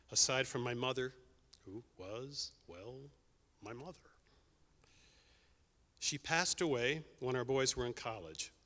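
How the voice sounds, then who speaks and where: An older man telling a personal story on stage in a wry, conversational way, with quick asides and dropped endings. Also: medium pitch, sharp tone. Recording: long hall reverb.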